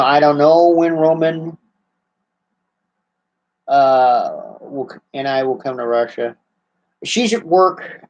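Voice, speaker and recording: Seated in an armchair in a small room at home, this American livestream host in his fifties answers viewer questions in a casual live Q&A. His voice is a little high, and he sounds relaxed but halting, restarting frequently; the close-range webcam gives slightly dull lo-fi audio.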